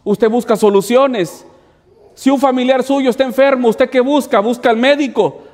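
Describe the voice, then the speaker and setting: Male pastor, high pitched, sermon delivery with lots of rhetorical questions, long reverb of a church hall. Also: moderate pace, darkish tone. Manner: preaching with repeated "hermanos" asides and rhetorical questions.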